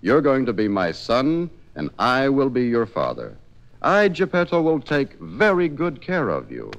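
A man playing Geppetto, gentle old woodcarver. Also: medium pitch, wildly swooping pitch, measured pace. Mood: tender. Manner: gentle and fatherly. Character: kindly lonely old male woodcarver. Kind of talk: children's storybook acting.

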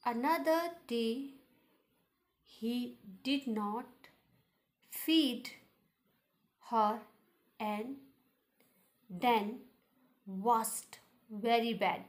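A woman's voice: fairly high pitch, very slow, pauses often. A woman teacher with an Indian English accent reads a textbook story aloud word by word, then restates each line in simple words for her students. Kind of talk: reading aloud and explaining a textbook lesson.

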